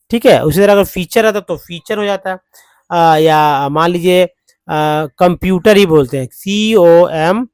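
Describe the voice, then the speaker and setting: Man, patient teacher, very slow, spells out letters, dry close sound. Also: high-pitched, no echo. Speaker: English teacher. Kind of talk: blackboard-style spoken lesson.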